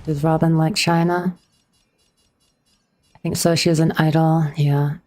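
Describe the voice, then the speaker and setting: A woman's voice: deep voice, level tone, unhurried, dark tone. A woman streamer chatting casually with her viewers as she plays, a little awkward, answering chat on a streaming microphone.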